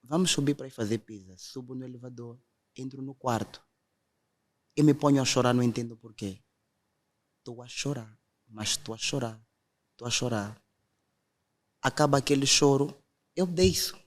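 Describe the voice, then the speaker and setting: A man's voice: mid-range voice, normal speed, long pauses. A young man, earnestly telling his conversion testimony in a podcast conversation. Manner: earnest storytelling, quotes others directly.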